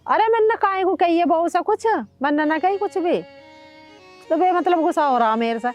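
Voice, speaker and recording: An older woman with a Haryanvi accent playing a sharp-tongued, proud village mother who scolds and dismisses others. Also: very high voice, expressive, moderate pace, faint music behind. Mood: defensive. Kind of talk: Haryanvi film acting.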